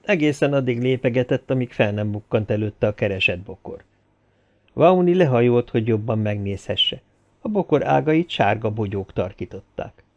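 A man narrating a novel as an audiobook in a steady storytelling delivery. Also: medium pitch, muffled recording.

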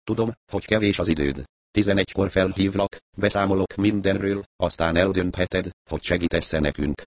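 A man's voice: low voice, dry recording, natural voice. A man piping as a chirpy, pushy lawyer. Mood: eager, chirping. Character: fussy chirpy male lawyer, pushy, eager.

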